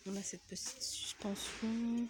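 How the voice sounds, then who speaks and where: A soft-spoken woman with a slight cold, walking through a store and listing decor items and prices for her vlog, often dropping almost to a whisper. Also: fairly high pitch, steady tone, slow pace, background noise. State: has a cold. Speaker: home decor vlogger. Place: inside a large home goods store.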